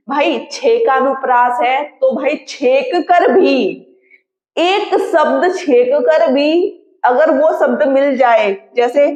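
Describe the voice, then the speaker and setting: A woman with a high voice teaches an exam-prep grammar lesson at an unhurried, drawn-out pace. She checks in with her students again and again as she explains. The sound is roomy and a little dull. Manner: drawn-out, patient explaining with frequent check-ins. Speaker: Hindi teacher.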